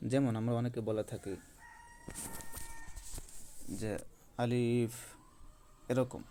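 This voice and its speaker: A man teaching Quran recitation in a slow, patient lesson, drawing out each demonstrated letter. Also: mid-range voice, steady tone, creaky, warm tone, slight background noise.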